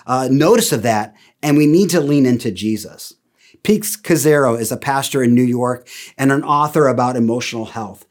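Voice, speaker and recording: A man preaching a sermon in an earnest, conversational way, often restarting his phrases. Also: mid-range voice. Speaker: pastor.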